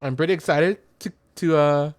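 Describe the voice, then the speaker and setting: At a moderate pace and in a slightly high voice with fairly even intonation, this streamer and host chats loosely through his game, thinking out loud, fumbling for words and reading things aloud. The sound is clean studio audio with no room noise.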